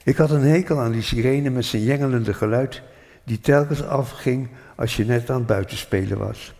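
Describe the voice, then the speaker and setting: An older man from Rotterdam telling a childhood memory in a thoughtful, unhurried way, pausing with hesitant fillers. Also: medium pitch, creaky, warm tone. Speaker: storyteller. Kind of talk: reflective spoken memoir. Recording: long hall reverb.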